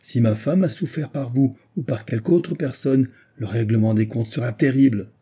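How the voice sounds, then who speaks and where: A man's voice: medium pitch, normal speed, warm tone, breathy edge, lightly acted. A man reading aloud, voicing an impatient young army captain who speaks with vehement urgency. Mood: urgent.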